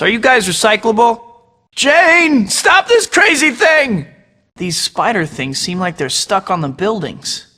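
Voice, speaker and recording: Spider-Man, bright quippy hero. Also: sits high, in a large hall, heavily acted. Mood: wisecracking. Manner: wisecracking, sarcastic quips. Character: young male superhero, quippy and earnest. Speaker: game character. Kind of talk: game voice clips.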